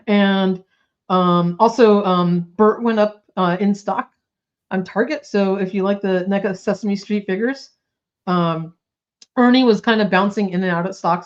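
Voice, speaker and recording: A chatty, bubbly woman co-hosts a toy news podcast, speaking at medium pitch with plenty of "like" and "um." She's coming down with a slight cold, and the recording has its highs cut off.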